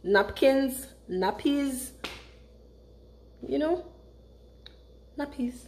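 This high-sitting female voice moves very slowly, with a little hiss or hum on the recording. She's a young vlogger from Nigeria, Nigerian English with British influence, chatting animatedly and gesturing with her hands as she talks casually to a close camera on her kitchen counter. The indoor room echoes, with faint ambience.

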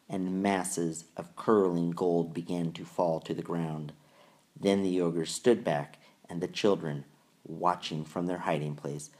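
A man reading a children's novel aloud in measured, deliberate storytelling narration. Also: low voice, darkish tone. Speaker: audiobook reader. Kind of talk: scripted narration.

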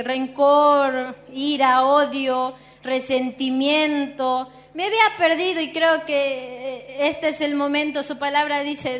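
A high-voiced woman tells her church testimony. Her telling is emotional and halting, with many pauses and fillers. She speaks to a congregation. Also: fairly bright tone. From Peru. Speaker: church member giving testimony.

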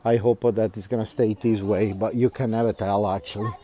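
With a lowish, dark voice and a flat, slightly fast delivery, the middle-aged guide strolls the quiet canal-side streets on his live tour. He reads out viewer comments and chats away, laughing a lot and stumbling through fillers and restarts.

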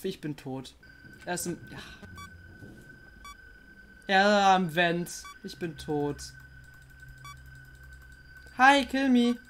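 A woman playing a horror game and commenting, jumpy and excitable, often swearing and coaxing the monster on screen. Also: on the low side, drawn-out words, pauses often, a little hiss or hum. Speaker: let's player.

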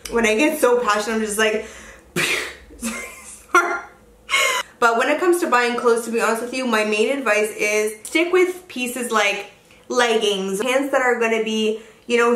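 A young woman chatting while doing her makeup, earnest and gushing, slipping into quiet asides to herself. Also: fairly high pitch, echoey room. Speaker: beauty vlogger. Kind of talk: chatty get-ready-with-me makeup tutorial. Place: bright room, seated on a sofa indoors.

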